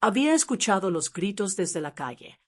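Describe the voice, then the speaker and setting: A woman's voice: mid-range voice, big pitch swings, normal speed. Woman narrating a dramatic family story. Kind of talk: scripted first-person narration.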